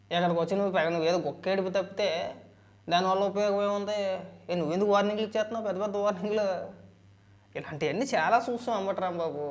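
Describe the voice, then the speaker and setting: Man, political commentator, argumentative, rhetorical questions, fast delivery. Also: high-pitched.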